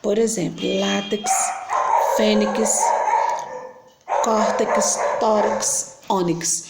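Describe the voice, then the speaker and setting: A woman with a Brazilian Portuguese accent teaching a grammar lesson, patiently explaining and often checking in with quick questions. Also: medium pitch, steady tone, creaky, heavy background noise.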